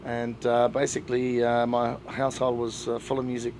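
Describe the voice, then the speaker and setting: A middle-aged man, telling stories in a relaxed way in a backstage interview, full of "you know" fillers. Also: mid-range voice, moderate pace, a little hiss or hum. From New Zealand. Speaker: band singer. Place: backstage at a music festival.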